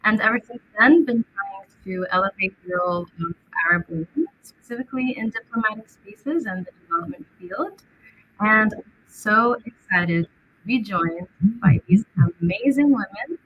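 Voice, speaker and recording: A woman's voice: mid-range voice, animated, moderate pace, highs cut off, a little hiss or hum. A young woman from Egypt opening an online panel as co-moderator, upbeat and welcoming, with a few fillers.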